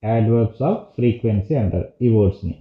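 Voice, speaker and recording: A male teacher with a Telugu accent who explains English words slowly in Telugu for schoolchildren. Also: on the low side, fairly even intonation. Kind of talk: textbook lesson explanation. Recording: echoey room on a tinny phone-like line.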